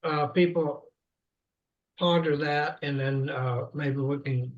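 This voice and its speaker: A man in a study group speaking in a hesitant, halting way. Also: fairly high pitch, steady tone. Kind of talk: group discussion. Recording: dull lo-fi recording.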